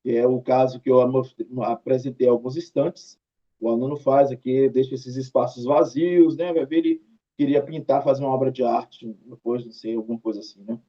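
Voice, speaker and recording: A man's voice: mid-range voice, fairly even intonation, fairly quick, mellow, muffled recording. A Brazilian man teaching a writing lesson, talking students through examples in a chatty, mildly scolding way. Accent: Brazilian Portuguese. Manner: chatty, drawing out tag questions, mildly scolding.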